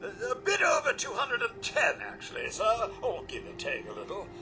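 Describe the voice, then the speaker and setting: A man's voice: extremely high pitch, wildly swooping pitch, normal speed, over music, full character voice. An actor voicing a polite, fussy male robot butler in a video game, formal and courteous and always calling the listener sir. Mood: chatty. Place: game soundtrack with music behind.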